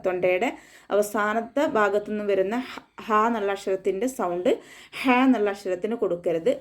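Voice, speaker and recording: A woman teaching Quran recitation rules. She explains each rule patiently, repeats herself, and breaks into slow chanted sample phrases. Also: medium pitch, a little mellow. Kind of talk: tajweed lesson, explaining then demonstrating recitation.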